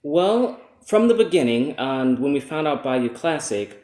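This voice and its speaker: A man's voice: on the high side, very animated, measured pace, darkish tone. A young adult man co-hosting a vlog, chatting to camera in an easygoing, joking way. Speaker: vlogger sharing family news. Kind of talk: casual chat to camera. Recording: roomy echo.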